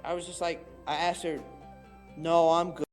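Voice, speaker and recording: Faint music plays under this teenage boy's fairly high, level voice as he co-hosts a podcast at a moderate pace. Chatting casually, he rambles through a long story peppered with "I was just like" asides.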